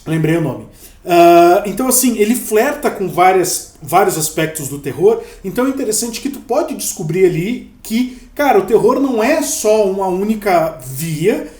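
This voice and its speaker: A man with a Brazilian accent speaks in a fairly high voice with a roomy echo around it. He gives a casual review as a host, stating opinions in colloquial language and backing them up with examples. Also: lively intonation, normal speed, a little mellow. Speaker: podcast host reviewing a horror series. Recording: roomy, echoey sound.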